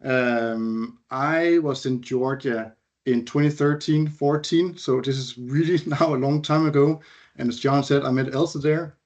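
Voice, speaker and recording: Over muffled video call audio, an alumni speaker from Denmark, in his thirties, looks back casually on past times, his speech full of hesitations, fillers, and restarts. The voice is medium-pitched, steady, unhurried, and a little mellow.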